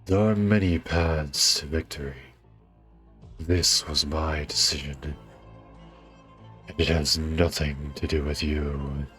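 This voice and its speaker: A man voicing an ancient, solemn male wolf lord who speaks slowly and quietly in a low, grave tone. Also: steady tone, full character voice. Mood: stern. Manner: slow, low, grave and hushed. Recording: faint music behind.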